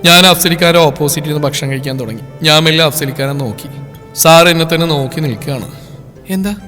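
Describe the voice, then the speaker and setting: Bright-voiced storyteller. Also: male voice, on the high side, fast. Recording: echoey room with faint music.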